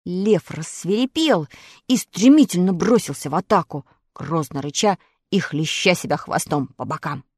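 A woman narrating a children's fairy tale with lively, expressive storytelling. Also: fairly low pitch, moderate pace, breathy edge, dry recording, studio quality. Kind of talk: audiobook fairy-tale reading.

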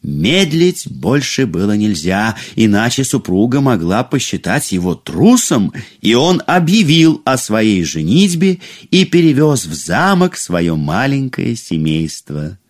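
Unhurried, expressive male storyteller. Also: fairly low pitch. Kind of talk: scripted fairy-tale narration.

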